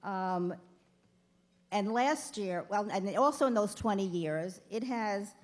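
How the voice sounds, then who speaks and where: A woman's voice: mid-range voice, takes it slowly. A woman in her fifties giving a chatty, self-deprecating speech at a gala, speaking to the crowd from a podium. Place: banquet hall.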